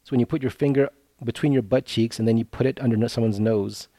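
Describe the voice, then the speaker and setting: A man's voice: mid-range voice, fairly even intonation, quick pace, warm tone, no room sound. A man co-hosting a podcast in casual chat, running a quiz, reading out and spelling words, with frequent laughs. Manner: reads and spells out words, laughs often, offhand.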